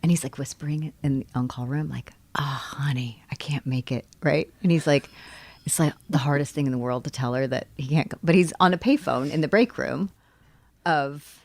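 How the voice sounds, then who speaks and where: A woman's voice: sits low, fairly quick, creaky, dry recording. A woman co-hosting a rewatch podcast who tells stories animatedly, acting out bits and laughing. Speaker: podcast co-host. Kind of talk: casual rewatch podcast chat.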